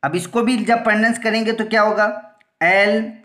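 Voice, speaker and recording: A woman teacher explains a grammar lesson at a medium pitch, slowly and patiently. She repeats each point and asks herself questions before answering them. Her voice rings in an echoey room. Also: steady tone, a bit bright.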